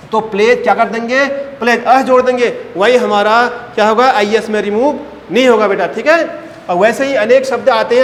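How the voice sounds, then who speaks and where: A male teacher with a fairly high voice drills a class on grammar rules, repeatedly posing questions and answering them himself while calling the students "beta." The classroom sounds roomy, with a long reverb tail and faint background noise.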